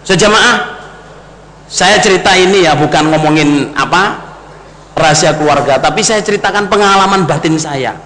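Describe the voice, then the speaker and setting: A man with an East Javanese accent preaches to his congregation, telling a story and addressing them directly. His voice sits high and sounds bright and forceful. It echoes through a reverberant hall over a faint hum of noise. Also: normal speed. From East Java. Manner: talks straight to the congregation, lively storytelling with big swings.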